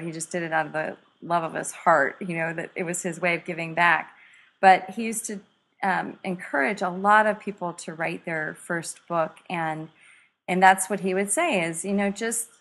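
A middle-aged woman author, guest in a conversation, telling a story and acting out quoted lines with laughter. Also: on the low side. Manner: animated, acts out quotes with laughter.

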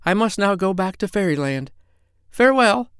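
Man voicing a squeaky clever parrot, whispery, storybook, dry close recording. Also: expressive, normal speed, clear, resonant tone, no echo. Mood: grand fairy voice. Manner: hushed, urgent whispering. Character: bossy female parrot, clever and scheming.

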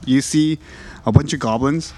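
A man's voice: mid-range voice, moderate pace, dark tone. A man narrating as game master in a casual, laughing way with lots of fillers.

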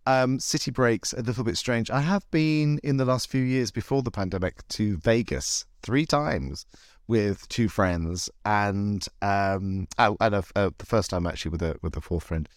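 A man's voice: fairly low pitch, normal speed, dry recording, studio quality. A man hosting a casual chat in a camp, wry, rambling and self-deprecating way. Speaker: host. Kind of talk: casual, chatty podcast conversation.

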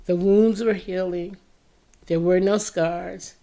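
A woman host reading a personal, reflective first-person narration, earnest and unhurried, her voice sounding tired. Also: on the low side, steady tone, warm tone. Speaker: podcast host.

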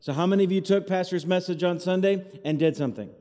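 Speaking fast in a high, dark voice, this associate pastor leads an evening service in a church hall, calling out lines for the crowd to echo back. Heavy, cave-like reverb fills the room.

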